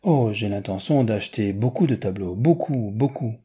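A man reading aloud, voicing an earnest American gentleman who speaks slow, halting, simple French. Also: on the low side, lively intonation, breathy edge. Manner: slow, hesitant, simple words.

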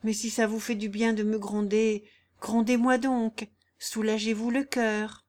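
Brief: woman doing a devoted peasant girl, plaintive, high-pitched, storybook audiobook. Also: little pitch movement, unhurried, darkish tone, natural voice. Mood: pleading. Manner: earnest, plaintive, rustic phrasing. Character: simple, devoted young peasant girl, tender and pleading. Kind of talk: audiobook character reading.

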